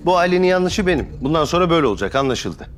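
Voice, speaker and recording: An actor playing a quick-tempered older brother who talks in a bitter, defensive way. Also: male voice, fairly high pitch, sing-song, slight background noise. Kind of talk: TV drama acting.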